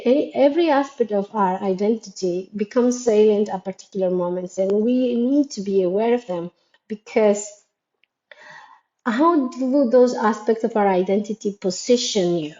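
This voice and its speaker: This educator, a Spanish-speaking woman from Latin America who designed a school framework, reflects earnestly and poses questions to her audience. She speaks at a normal speed with a warm, medium-pitched voice, and the muffled recording carries room echo.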